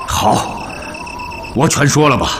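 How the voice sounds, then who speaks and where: An actor playing an older captured bandit lieutenant in a TV drama, wily and deferential, speaking with theatrical earnestness. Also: male voice, mid-range voice, big pitch swings, takes it slowly, background noise. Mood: confiding, resigned. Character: captured old male bandit second-in-command, wily, deferential, pleading. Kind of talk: television drama acting.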